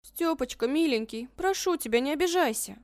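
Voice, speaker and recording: A man's voice: very high-pitched, normal speed, clean tone, no room sound, clean studio sound, pitched above the performer's own voice. A man voicing a protective, feisty teenage sister in an audiobook, coaxing and bossy by turns. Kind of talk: audiobook character voice.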